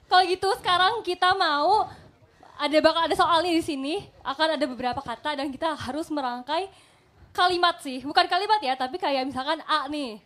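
Bubbly high-voiced young woman emcee. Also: a little fast, a bit bright. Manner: cheerful, encouraging quizmaster. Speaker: stage MC running a word game. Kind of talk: playful live stage banter. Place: live theater stage.

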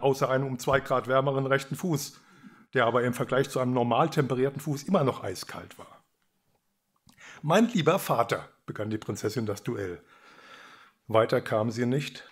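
A man from Germany reads his own satirical fairy tale at a public reading. He narrates in a dry, ironic tone with a medium-pitched voice.

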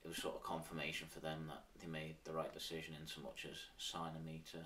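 A man's voice: rumbling low, monotone, fast talker, pushed and bright, distant mic, a little hiss or hum. A man in his thirties with an Isle of Man accent, reminiscing informally as an interview guest, in a loose conversational way. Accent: Manx, Isle of Man. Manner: informal, with frequent "sort of" and "like". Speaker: interview guest, former professional cyclist.

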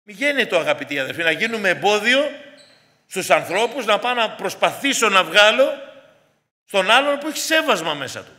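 A man's voice: high voice, sharp tone. Earnest preacher man in a reverberant hall. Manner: earnest, addresses congregation as dear brothers. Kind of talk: sermon. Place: church hall.

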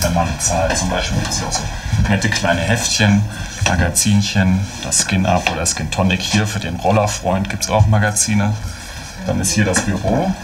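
Young man with a low voice. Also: noisy background. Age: young adult. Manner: relaxed, tags sentences with "ne?". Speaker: skinhead mail-order shop owner. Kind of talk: casual documentary interview and shop tour. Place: small shop office and storeroom, indoors.

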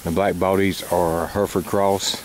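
A man describing cattle for a livestock sale, talking in a steady, matter-of-fact way, recorded outdoors on a camera mic. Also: low voice, normal speed, a little hiss or hum, poor audio. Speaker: livestock auction presenter. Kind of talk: plain spoken sale description.

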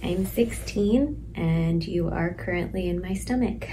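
A woman playing a pregnant sixteen-year-old girl in detention, speaking softly and slowly in a stage monologue, some lines whispered. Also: fairly low pitch, slight background noise, low-quality recording. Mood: tender. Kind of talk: stage monologue, letter to her unborn baby.

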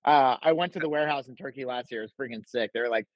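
Speaking very fast at a medium pitch, a young baklava seller from New Jersey appears as a podcast guest, casually chatting and spinning loose, rambling stories. He's relaxed, leans on fillers, and uses "like" nonstop. The recording is dry and the audio poor.

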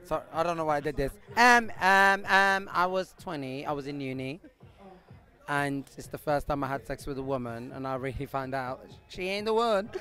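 Man, 30s, street interviewee: high, bright, lively voice, theatrical and giggly; faint music behind. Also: normal speed. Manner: animated, laughing, theatrical bursts. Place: outdoors on a city street at night. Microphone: handheld mic held out by interviewer.

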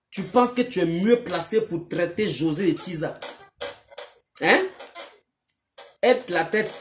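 A woman scolds a man in a long commentary monologue. She mocks him and hammers her points home through repetition, keeping her voice at an average pitch. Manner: mocking, scolding, repetitive and emphatic. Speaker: online commentator.

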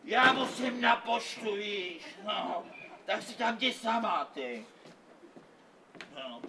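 A man playing a gravelly, chuckling hotel porter. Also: sits high, expressive, noisy background. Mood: amused. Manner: mumbling, chuckling to himself. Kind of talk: amateur stage farce. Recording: roomy, distant stage recording.

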